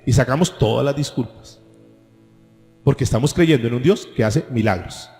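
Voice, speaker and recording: A man's voice: medium pitch, moderate pace, a little mellow. A man preaching a sermon as pastor, asking the congregation rhetorical questions. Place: church hall. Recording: echoey church hall with faint music.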